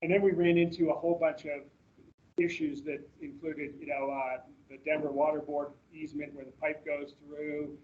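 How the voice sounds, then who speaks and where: A man with a fairly high voice walks staff through slides in an informal orientation talk. His delivery is conversational and explanatory. The sound is dull and lo-fi, as captured in a recorded meeting. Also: flat delivery, moderate pace. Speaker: presenter, manager at a ski resort. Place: in-person meeting room, streamed to online attendees.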